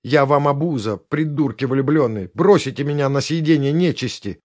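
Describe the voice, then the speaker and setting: Brief: man voicing a tearful, panicky young girl, high and wailing. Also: normal speed, darkish tone, close to an everyday voice. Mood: tearful shouting.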